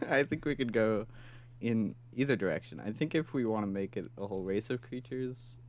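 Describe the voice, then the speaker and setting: A man's voice: on the low side, normal speed, slight background noise. A man co-hosting a podcast in casual chat, rambling and laughing often as he brainstorms. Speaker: podcast co-host.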